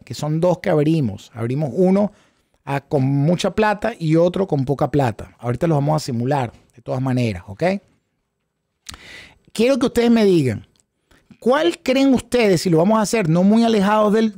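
A middle-aged options trading instructor teaches a live online class in Spanish peppered with English terms, quizzing viewers and repeating phrases for emphasis. His voice is high-pitched yet dark-toned, recorded dry and clean on a close studio microphone at a desk setup.

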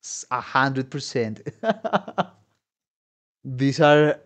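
A musician reacts to game trailers from a home room with instruments, game music playing beneath his voice. He speaks extremely slowly in a mid-range, slightly bright voice with lively intonation, and his commentary is casual, slangy, and exclamatory.

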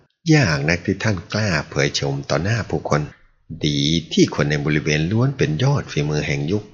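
Guy reading as a snarling fire demon fighter, super deep gravelly low voice, dull lo-fi sound. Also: very animated, normal speed, a little hiss or hum. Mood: demanding. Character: furious fire demon martial master. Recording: dull lo-fi audio.

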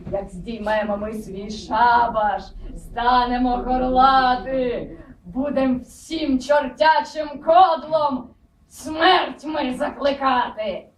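Woman playing slow, tyrannical puppet King Herod. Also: high-pitched, a little hiss or hum. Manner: commanding, declamatory verse. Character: tyrannical male king Herod rallying his devils. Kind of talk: puppet theatre declamation. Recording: echoey, distant, dull, music behind.

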